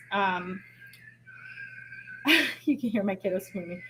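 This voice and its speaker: A woman's voice: mid-range voice, noisy background. A woman from Canada hosting a live cooking stream, chatty and upbeat with lots of fillers and restarts. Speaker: host of a live cooking show. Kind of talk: casual live-stream chat.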